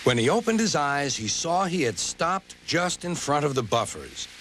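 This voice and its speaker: Animated male children's storybook narrator. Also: a little high, normal speed, over loud music, rough recording.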